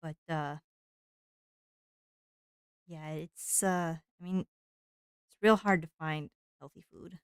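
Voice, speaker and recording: A woman's voice: deep voice, fairly even intonation, takes it slowly, long pauses, smooth, no echo, studio quality. A woman streamer chatting casually while she draws, rambling along with lots of fillers and frequent laughter.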